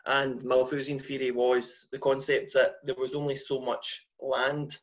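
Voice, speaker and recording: A young man with a broad Scottish accent lectures over a video call. His voice sits at a medium pitch with a creaky edge. He stresses key words deliberately, and the sound is slightly muffled. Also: level tone. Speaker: guest lecturer, company founder. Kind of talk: online lecture. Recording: dull lo-fi video-call audio.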